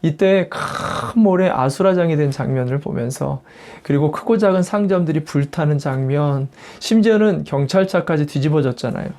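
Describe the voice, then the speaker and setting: A man delivers a sermon as senior pastor, leaning hard on key words and playing out the voices of the people he quotes. His voice is mellow and sits a little high. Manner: emphatic preaching that acts out quoted prayers and family voices. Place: church in the United States.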